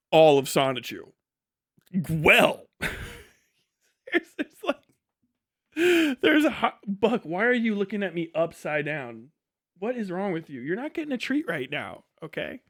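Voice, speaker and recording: A man with a fairly high, fairly bright voice, recorded close and dry with no room sound, riffs off the cuff like a livestreamer in casual, unscripted commentary. His storytelling is crude, profane and mocking, and he often laughs through his words.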